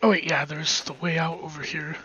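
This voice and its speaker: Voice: mid-range voice, flat delivery, brisk, noisy background. A gameplay commentator rambling casually while exploring, often muttering asides under the breath and giggling. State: hiccups. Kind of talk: casual let's-play commentary. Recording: slightly dull lo-fi recording.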